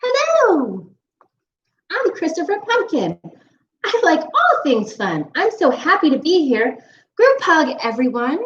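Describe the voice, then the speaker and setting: A woman puts on a sweet, fun-loving pumpkin boy from a storybook, his voice pitched high and bouncing about. He sounds bubbly and eager to please. The read-aloud is roomy and a little dull. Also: huge pitch swings, takes it slowly, full character voice. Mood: cheerful. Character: cheerful, kind, fun-loving young male pumpkin. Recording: roomy, slightly dull recording.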